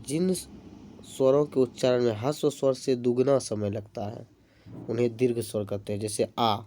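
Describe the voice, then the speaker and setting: A man's voice: medium pitch, dark tone. A man teaching an exam-prep grammar lesson, explaining definitions step by step with examples. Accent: Bihari-tinged Hindi.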